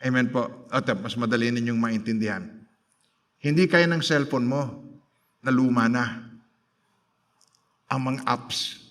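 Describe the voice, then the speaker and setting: A Filipino man in his fifties preaching a sermon as pastor, mixing Tagalog and English and slowing down for emphasis. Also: mid-range voice, fairly even intonation. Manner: switches between Tagalog and English, dramatic slowed emphasis; emphatic preaching with quiet asides.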